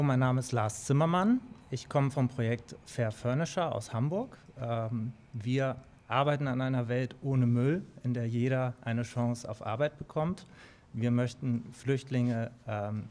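A man introducing his project in a friendly, straightforward way in a bright meeting room, speaking into a handheld microphone. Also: medium pitch. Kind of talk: workshop self-introduction. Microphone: handheld mic.

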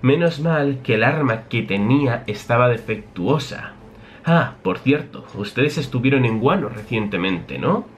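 A man's voice: mid-range voice, lively intonation, measured pace, slight background noise, lightly acted. A man voicing an eccentric male genius scientist who explains his ideas at length. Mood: lecturing. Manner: explanatory, lecturing.

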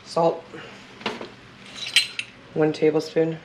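A woman in her home kitchen calmly talking through a recipe step by step as she cooks. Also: deep voice, drawn-out words, background noise. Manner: relaxed, step-by-step instructions while cooking. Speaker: home cook showing a recipe. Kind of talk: casual cooking demonstration. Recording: loud kitchen clatter and stirring.

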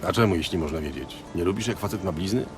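An actor playing a world-weary monster hunter in a video game, speaking in a dry, laconic way. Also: male voice, sits low, animated, quick pace, music in the background. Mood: dry, wry. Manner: laconic, dry, matter-of-fact.

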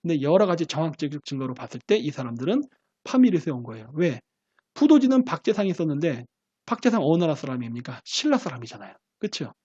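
Man lecturing, lively rhetorical questions. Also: a little high, fast, breathy edge, dry recording, highs cut off. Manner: poses rhetorical questions and answers them himself. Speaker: host and history lecturer.

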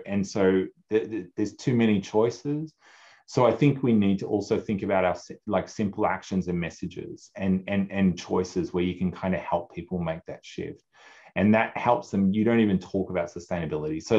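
A deep-voiced man in his forties speaks on a video call whose sound is dull and lo-fi. He talks in a loose, animated way, trips over restarts, and jumps into character voices when he quotes other people. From Australia. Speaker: food advocacy director, guest. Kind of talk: casual conversational interview. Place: home office, indoors.

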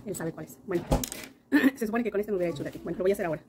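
Woman makeup vlogger, quick chatty delivery, faint noise behind. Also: medium pitch, animated. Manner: chatty, addresses viewers warmly with diminutives. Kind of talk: casual makeup tutorial.

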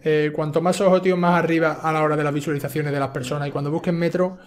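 Excitable Spanish gaming streamer. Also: male voice, a little high, quick pace. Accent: Spain Spanish. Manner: excitable, swearing, yelling when startled. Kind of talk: live gameplay commentary.

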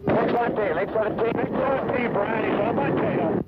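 A man, a fighter pilot, shouting clipped excited callouts over a cockpit radio headset in archival combat audio. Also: very high-pitched, normal speed. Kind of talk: live combat radio chatter. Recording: tinny lo-fi archival cockpit tape with loud noise.

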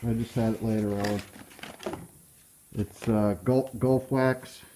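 An American man talking through a respirator mask, muffled, giving a casual hands-on how-to in a halting, plain-spoken way. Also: fairly low pitch, steady tone, warm tone, slight background noise. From Pennsylvania, US. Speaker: DIY truck restorer. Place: cluttered workshop, indoors.

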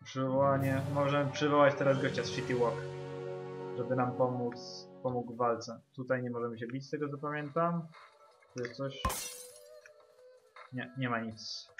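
A man's voice: medium pitch, little pitch movement, moderate pace. A man giving casual, muttered, sweary gameplay commentary. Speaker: gamer. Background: game music.

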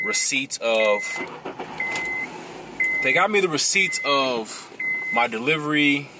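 A man in his thirties with a Chicago accent, chatting casually to the camera in a relaxed vlog from inside a car. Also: fairly low pitch. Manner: relaxed, chatty, says "finna" and "you know". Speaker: vlogger. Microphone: camera on the dashboard. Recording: car interior with road noise.

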